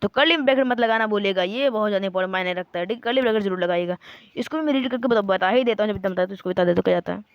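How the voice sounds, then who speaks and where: A man's voice: high voice, clear, resonant tone, dry recording, highs cut off. Indian teacher guy going over set notation step by step, says everything twice, dry close sound. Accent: Indian English. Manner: repetitive, step-by-step explaining, slow dictation of terms. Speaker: maths teacher. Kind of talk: online maths lesson.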